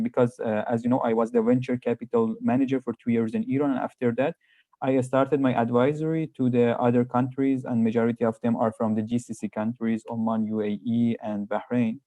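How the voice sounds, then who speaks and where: A man, an economist on a webinar panel, answering over a video call in halting speech while he searches for words. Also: medium pitch, dark tone, dry recording. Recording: dry, muffled online call audio.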